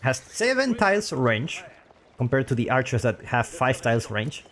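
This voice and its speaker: This game caster, a man with a Spanish accent whose first language is Spanish, calls a strategy match live and keeps repeating his own phrases. His medium-pitched voice is sing-song and a bit bright, at a normal speed, with slight background noise.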